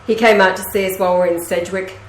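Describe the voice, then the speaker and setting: A woman telling stories in a casual conversation, animated and quick to act out what others said. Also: fairly low pitch, slight background noise. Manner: animated storyteller, acts out quoted speech. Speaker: host. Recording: echoey room.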